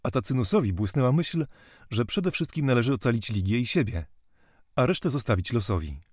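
A man narrating a classic novel as an audiobook in a measured, steady reading voice. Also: medium pitch, no echo, clean studio sound.

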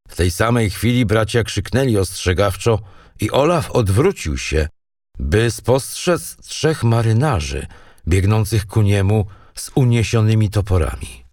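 Low-voiced male storyteller. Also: animated, measured pace, darkish tone, no echo, studio quality, distant mic. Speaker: audiobook narrator. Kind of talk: storybook narration.

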